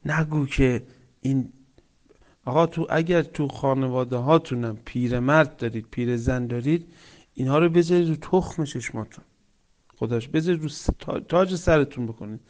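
A man preaching a sermon with stories, swinging between loud emphatic lines and soft hushed ones, reciting Quranic verses. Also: medium pitch. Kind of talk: religious sermon with storytelling.

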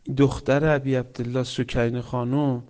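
A man preaching a sermon with stories, swinging between loud emphatic lines and soft hushed ones, reciting Quranic verses. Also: mid-range voice, level tone. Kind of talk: religious sermon with storytelling.

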